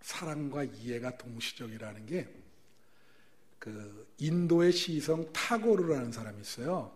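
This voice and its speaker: A male pastor preaching a sermon, telling stories with lively rhetorical questions to the congregation. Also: medium pitch, a little slow.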